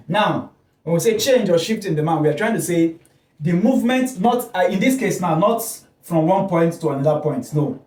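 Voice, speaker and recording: A man's voice: sits high, lively intonation, normal speed, darkish tone. A man teaches an economics class, often asking questions and answering them himself and checking with "okay?". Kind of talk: classroom lecture at a board. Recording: echoey room, voice heard from a distance.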